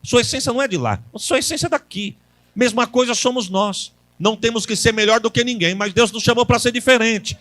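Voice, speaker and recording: A man's voice: very high-pitched, a little fast, fairly bright tone, no room sound. A Brazilian man preaching a live church sermon, telling homely stories and rising into fervent calls for the congregation to respond. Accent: Brazilian Portuguese. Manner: folksy storyteller who rises into fervent calls to the congregation. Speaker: pastor. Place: church service with congregation and musicians.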